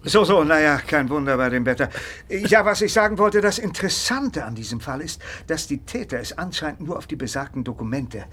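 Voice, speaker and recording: A man playing a courteous, quietly suspicious police inspector in a radio play, matter-of-fact and knowingly pointed. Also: on the high side, lively intonation, a little fast, hardly any pauses, a little hiss or hum. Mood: matter-of-fact reporting.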